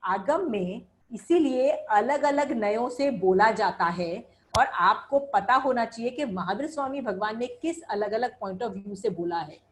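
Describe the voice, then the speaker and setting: A woman's voice: fairly high pitch, animated, measured pace, rough recording. A middle-aged woman giving an earnest religious lecture, mixing Hindi and English and teaching through personal anecdotes.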